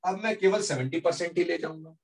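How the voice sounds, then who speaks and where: A man's voice: fairly high pitch, fast talker, gravelly. A male teacher voicing blood plasma as a helpful character who bargains in a classroom story. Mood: reassuring. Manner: reassuring, then firm and haggling.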